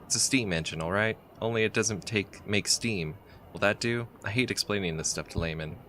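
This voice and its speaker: A man's voice: fairly low pitch, normal speed, a bit bright, slight background noise, close to an everyday voice. Man playing a brusque grumbling woman artificer. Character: grumpy, proud working woman artificer.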